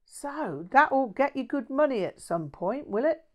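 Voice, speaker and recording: A woman's voice: high voice, very animated, a little slow, pitched above the performer's own voice, full character voice. A woman voicing a brash, cheeky working-class man in an audiobook story, with a blunt, matey, slangy way of talking. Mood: blunt, sceptical.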